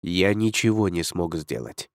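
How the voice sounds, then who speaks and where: A man's voice: medium pitch, expressive, normal speed, a little mellow, dry recording, studio quality, close to an everyday voice. A man reading an audiobook, voicing a proud male dragon lord who speaks coldly and curtly. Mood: stern. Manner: cold, curt, commanding.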